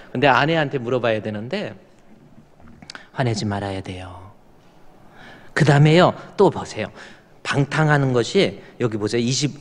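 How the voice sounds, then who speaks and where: Male pastor preaching in a reverberant church. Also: mid-range voice. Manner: folksy storytelling, quotes others, coaxes congregation to respond. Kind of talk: sermon. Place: church sanctuary. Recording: long reverb of a church hall.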